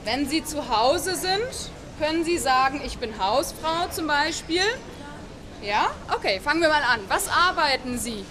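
A woman teaching a language class in a shopping centre, speaking clearly and encouragingly. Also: high-pitched, expressive, measured pace. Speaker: German teacher. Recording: busy crowd noise behind.

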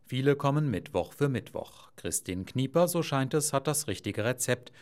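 A man narrating a news report in a measured, scripted voice-over. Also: medium pitch, animated, a little mellow.

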